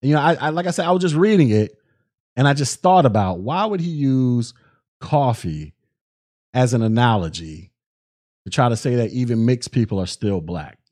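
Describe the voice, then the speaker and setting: Animated young man ranting on his podcast. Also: mid-range voice, moderate pace. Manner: animated, repetitive restarts, colloquial slang. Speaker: podcast host. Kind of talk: casual solo commentary.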